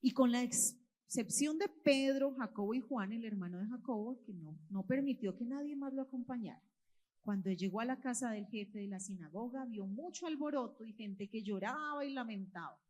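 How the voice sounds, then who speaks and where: A woman's voice: fairly high pitch, moderate pace. A woman, telling a Bible story to children and parents in church and quizzing them as she goes. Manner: expressive, quizzes the listeners. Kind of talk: storytelling sermon to families. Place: church hall with children present.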